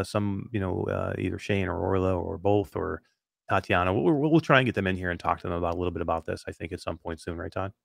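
A man co-hosting a casual chat show, talking in animated rants and often breaking off mid-sentence. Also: sits low, vocal fry, no room sound, studio quality. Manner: animated, ranting, self-interrupting. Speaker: podcast co-host.

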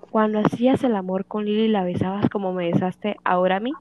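A woman's voice: medium pitch, fairly even intonation, a little fast, no echo, muffled recording, close to an everyday voice. A woman voicing a jealous, bitter wife of fifty who keeps accusing and questioning her husband. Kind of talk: audiobook dialogue reading.

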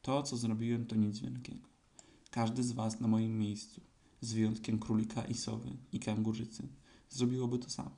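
A man's voice: mid-range voice, level tone, moderate pace, creaky, dark tone, lightly acted. A man reading as a gloomy, sulky old donkey. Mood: pompous.

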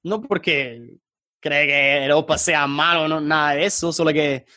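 In a casual podcast interview, a man from England, an online tutor who founded a startup, speaks Spanish non-natively with an English accent, hesitating and reaching for words. His unhurried voice sits on the high side, pushed and bright, recorded dry in studio quality.

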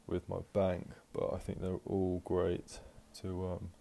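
A man's voice: low voice, monotone, takes it slowly, gravelly, mellow. A man hosting a casual solo podcast from home, rambling with lots of fillers and restarts while he moves around the house. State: out of breath. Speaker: podcast host.

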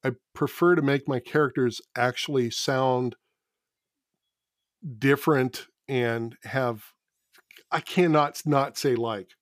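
A man's voice: medium pitch, fairly even intonation, takes it slowly, pauses often, no echo. A man talks easily as a guest on a podcast, laughing at his own speech habits. His voice sits in a middle register. It is recorded close and dry, with no room sound. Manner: chuckles often, mocks his own verbal habits. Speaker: guest author. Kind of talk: casual podcast chat.

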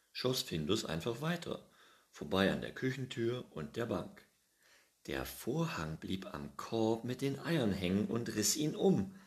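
A man reading a children's story aloud, with a lively, animated manner. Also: sits low. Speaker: narrator.

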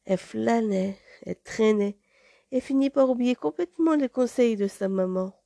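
A woman narrating a fairy tale in an expressive, dramatic read-aloud manner. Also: on the high side, moderate pace, gravelly, dry recording. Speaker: storyteller.

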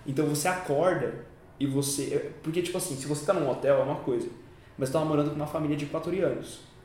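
A man hosting a casual podcast talks fast in slangy phrases and cuts in often with short agreements. He sits back from the mic, so his voice comes across somewhat distant. The room is strongly echoey, with a faint background hiss. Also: fairly high pitch, steady tone, darkish tone. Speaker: podcast host.

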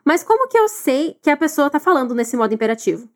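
A woman teaching English, encouraging listeners and drilling phrases slowly for them to repeat. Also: high-pitched, very animated, a little mellow. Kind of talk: recorded language lesson.

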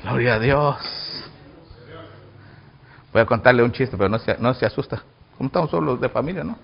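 A male pastor preaching a fervent sermon, shouting out calls and then dropping low, with jokes for the congregation. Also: brisk, gravelly, highs cut off.

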